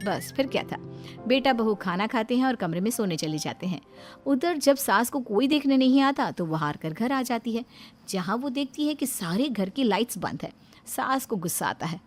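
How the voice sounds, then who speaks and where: A woman narrating a cartoon moral story in a steady storytelling manner. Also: fairly high pitch, moderate pace, soft background music.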